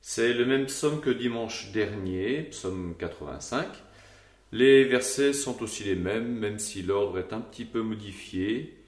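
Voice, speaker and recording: A man's voice: fairly low pitch, lively intonation, unhurried, reverberant. A man teaching Gregorian chant to a choir, explaining the melody and now and then singing short examples.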